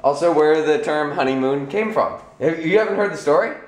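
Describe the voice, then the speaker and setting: A man's voice: on the high side, fairly quick. Chatty man hosting a food vlog. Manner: chatty, laughs often. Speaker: vlog host. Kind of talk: casual chat to camera. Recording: echoey room with faint music.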